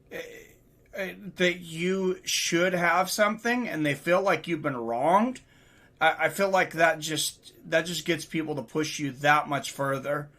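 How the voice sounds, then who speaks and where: A man with a bright, forceful voice pitched a little high hosts a relaxed online show. He rambles easily through his thoughts and sign-offs. The delivery is loose and conversational. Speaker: host. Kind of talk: casual chat.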